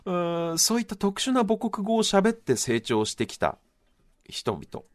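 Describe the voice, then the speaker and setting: A man talks through a radio music column in a relaxed, explaining way. His pitch leaps and dips all over the place as he goes, with many little asides. It sounds like easy studio chat. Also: measured pace. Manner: explanatory, chatty, with frequent asides. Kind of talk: casual radio talk.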